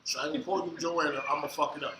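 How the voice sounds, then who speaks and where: A man hosting a casual podcast interview, joking and bantering loudly in slang. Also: a little high, fairly even intonation, fast talker, roomy sound, background noise. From United States. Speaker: podcast host.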